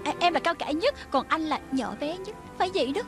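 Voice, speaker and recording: A sharp-tongued female film director in a TV drama. She talks fast and bossily in a high voice. Light music sits behind her. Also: lively intonation. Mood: teasing. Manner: quick and bossy. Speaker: dub actor. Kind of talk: Vietnamese dub of a TV drama.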